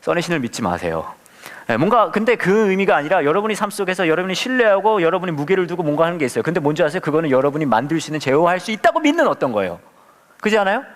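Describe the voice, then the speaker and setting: With a slightly high, sing-song voice and very fast delivery, a man who is a pastor runs a relaxed Bible study, and a long reverb tail trails his words. He keeps it playful, firing lots of questions at the audience and humorously acting out quotes.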